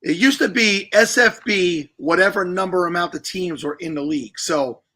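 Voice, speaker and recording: A middle-aged man talks loosely and at length as a livestream host, wandering through his points with jokey asides. His voice sits a little high and comes across bright and forceful. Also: moderate pace. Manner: chatty, rambling, jokey. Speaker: podcast host. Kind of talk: casual livestream chat.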